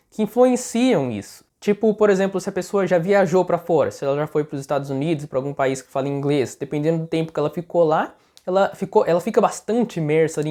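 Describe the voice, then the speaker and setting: A woman's voice: on the low side, mellow. A woman with a Brazilian Portuguese accent giving a casual English lesson on video. She talks in a chatty way and keeps checking in with the listener. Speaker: English teacher.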